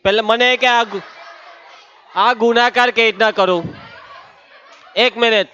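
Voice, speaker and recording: A man's voice: very high-pitched, fairly even intonation, a little slow, pushed and bright, clear, resonant tone, lo-fi sound, a faint crowd. A man teaching a maths lesson, teasing and calling on students by name. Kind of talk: lively classroom lesson.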